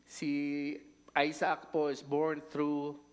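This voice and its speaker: A man's voice: on the high side, monotone, extremely slow, clean tone. A man preaching a sermon, talking casually between Tagalog and English and often asking his listeners questions. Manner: casual, conversational, mixing Tagalog and English, frequent tag questions.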